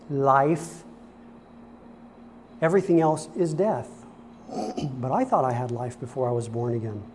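Earnest preacher guy, kinda high voice, says things twice to drive them home, slow and deliberate. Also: darkish tone, a little hiss or hum. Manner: earnest, repeats phrases for emphasis. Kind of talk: sermon.

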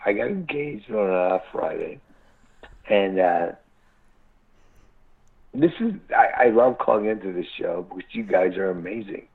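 A man phoning into a radio show, his voice fairly low and squeezed thin through a crackly, tinny cell phone line that keeps breaking up. He rambles along, cursing freely and stumbling over his words. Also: animated, unhurried, pauses often, breathy edge. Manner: profane, stammering with many restarts. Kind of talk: rambling live call-in chat.

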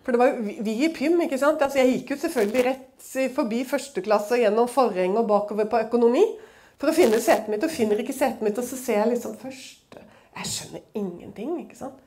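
A woman's voice: on the high side, mellow. A woman speaking at a church, telling a personal testimony as a dramatic, chatty story full of conversational fillers.

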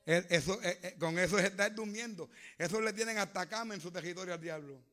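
High, bright preacher man. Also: fast talker. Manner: fervent, swings between hushed and loud. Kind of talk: sermon.

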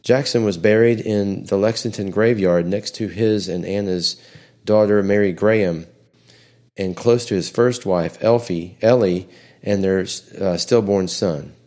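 A man with a fairly low voice narrates history from a script. He reads at an even pace and sometimes restarts a word after a slip. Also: unhurried. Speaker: history podcast host.

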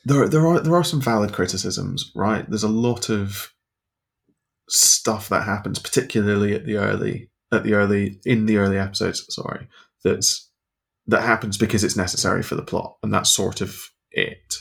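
A man co-hosting a casual podcast chat, blunt and dry, quick to argue a point. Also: fairly low pitch, gravelly, slightly rough. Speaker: podcast co-host.

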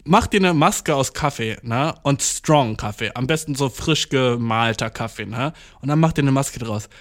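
A man with a mid-range, slightly bright voice speaks at a moderate pace through a rambling comedy monologue, captured as audio only. Self-deprecating and seemingly wired on caffeine, he curses constantly and mixes in English slang.

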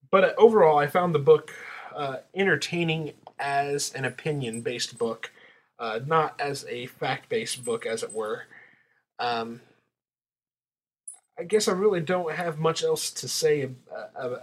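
A man giving a casual, rambling podcast review with a hesitant, halting delivery. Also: fairly high pitch.

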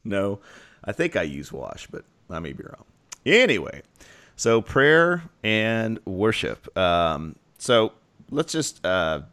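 A male podcast host with an Oklahoma accent and a slightly low voice. His intonation swings widely as he chats casually, rambling and joking along the way. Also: fairly bright tone.

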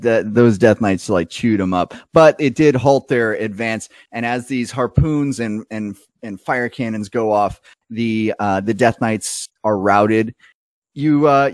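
A man's voice: medium pitch, no room sound. Male game master, laid-back rambling narration, dry mic. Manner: loose, filler-heavy storytelling.

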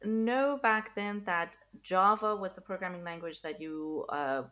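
A woman hosts a casual interview in a slightly low voice. She asks questions and keeps the conversation going with quick, encouraging affirmations. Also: fairly bright tone, slight background noise. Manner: encouraging, frequent short affirmations. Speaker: podcast host interviewer.

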